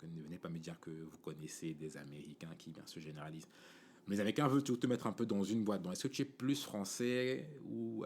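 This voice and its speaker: A Cameroonian man in his forties with a Cameroonian French accent hosts a podcast, drifting through a casual monologue packed with fillers and "tu vois" asides. His voice is low-pitched and a little mellow.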